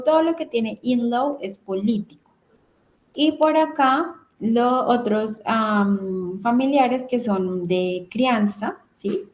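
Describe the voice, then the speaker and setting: Woman, 30s, English teacher, patient and explanatory, fairly high voice. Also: a little mellow. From Colombia. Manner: patient, explanatory, switching between Spanish and English words. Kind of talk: online class lecture.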